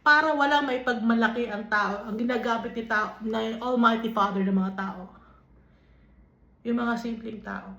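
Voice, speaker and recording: A woman with a Filipino accent leading a Bible study, reading verses aloud and then explaining them in an unhurried way, switching between English and Tagalog. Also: fairly high pitch, fairly even intonation, fairly bright tone. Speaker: Bible teacher. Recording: dull, lo-fi recording in an echoey room.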